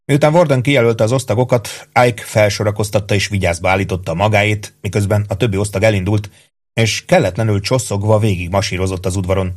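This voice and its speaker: A man reading a novel aloud in steady, even narration. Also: on the low side. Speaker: audiobook narrator. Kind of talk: scripted narration.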